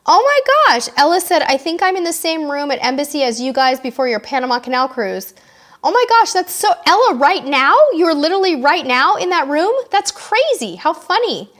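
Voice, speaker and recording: A woman in her forties with a high, bright-pitched voice hosts a live stream, chatting casually with viewers. She reads their comments aloud and answers each one, bubbly and full of quick asides. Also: animated. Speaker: host of a live cruise Q&A.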